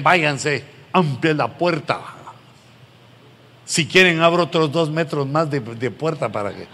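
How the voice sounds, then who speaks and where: A middle-aged man preaching to pastors, earnest and pleading, with sudden loud emphatic rises. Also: on the high side, creaky. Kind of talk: sermon to pastors. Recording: long hall reverb, faint background noise.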